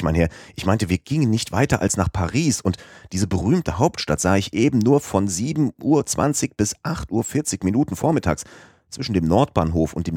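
A man's voice: sits low, no room sound, studio quality. A male audiobook reader voicing a chatty, naive young French manservant who talks eagerly and a little proudly. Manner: talkative, excitable, proud.

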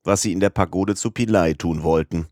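Man reading as a calm, formal English gentleman. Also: sits low, a little fast, no echo, studio quality, natural voice. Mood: composed. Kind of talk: audiobook character reading.

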